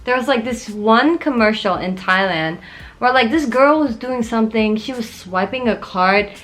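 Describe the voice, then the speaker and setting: A woman's voice: fairly high pitch, lively intonation, moderate pace, fairly bright tone. A young woman casually chatting through a beauty tutorial at home, joking, rambling and yelping in pain. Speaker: beauty vlogger. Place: at home in front of a mirror.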